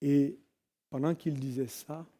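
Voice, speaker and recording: A man with a French accent preaching in church, telling a story dramatically, moving from hushed tones to loud cries and bits of sung hymn. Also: mid-range voice, fairly even intonation, takes it slowly. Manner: dramatic storytelling, swelling from hushed to shouting and singing. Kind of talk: sermon storytelling.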